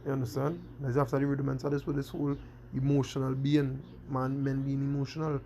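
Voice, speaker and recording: A man's voice: mid-range voice, monotone, fast, gravelly, dark tone, slight background noise. A man preaching a scripture-quoting sermon, constantly asking "you understand?". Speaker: street preacher.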